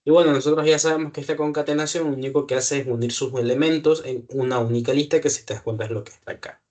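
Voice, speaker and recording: A man's voice: medium pitch, fairly even intonation, quick pace, a little mellow. Patient man tutoring code, constant check-ins. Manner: patient, checks understanding with frequent "¿ya?"; self-correcting, thinks aloud with fillers. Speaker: programming tutor. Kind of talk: live one-on-one coding lesson.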